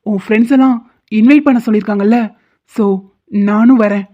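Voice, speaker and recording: A woman's voice: fairly high pitch, steady tone, a little fast, close to an everyday voice. A woman voicing a confident, protective young man in a cartoon drama, teasing and reassuring. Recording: dull lo-fi audio.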